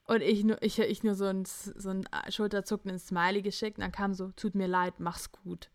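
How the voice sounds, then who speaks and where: Speaking at normal speed in a mid-range voice, a young woman on a casual podcast acts out both sides of a chat, quoting texts with animated storytelling. There's no echo, just clean studio sound.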